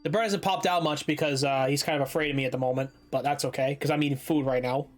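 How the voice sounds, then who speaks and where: A man's voice: medium pitch, steady tone, quick pace, faint music behind. A man streaming, chatting casually and profanely with his viewers while he reads a story.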